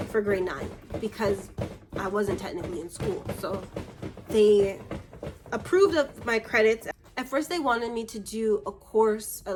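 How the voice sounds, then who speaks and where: A woman's voice: medium pitch, a little hiss or hum. A young woman from Canada telling a story to camera in a casual vlog, chatty and acting out the voices of the people in her story. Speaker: vlogger.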